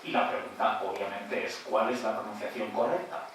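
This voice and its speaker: A man giving an explanatory conference presentation as a panelist, often tagging his points with quick checks to the audience. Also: lowish voice, steady tone. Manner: explanatory, tags points with "¿eh?" and "muy bien". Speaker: panelist at an academic round table. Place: large auditorium. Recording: echoey hall picked up from far off, faint noise.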